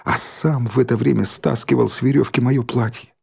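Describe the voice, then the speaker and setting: A man reading a first-person story aloud in an expressive, measured way. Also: medium pitch, creaky, breathy edge. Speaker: audiobook reader.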